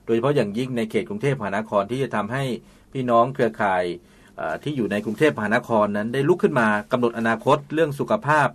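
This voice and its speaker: Guy hosting a radio talk show, talks quick, lots of little "khrap"s while the guest speaks. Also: mid-range voice, a bit bright. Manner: polite, frequent short acknowledgments. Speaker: radio host.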